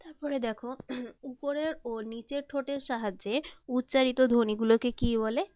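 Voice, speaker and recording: A woman's voice: on the high side, steady tone, normal speed, a little mellow, no room sound. A woman teaching grammar, going through multiple-choice answers, asking questions and then answering them patiently.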